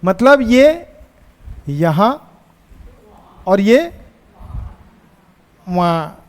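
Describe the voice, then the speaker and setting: A man teaching physics in a classroom, dictating English notes in a Hindi accent, slow and repetitive, and teasing his students with scolds. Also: sits high, very animated, in a large hall. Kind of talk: classroom lecture at a board.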